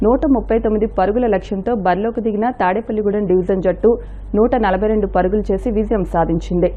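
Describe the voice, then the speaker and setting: Quick woman newsreader, scripted report, tinny phone-like sound. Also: mid-range voice. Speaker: news reader. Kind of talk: scripted news narration. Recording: thin, phone-like narrow-band audio.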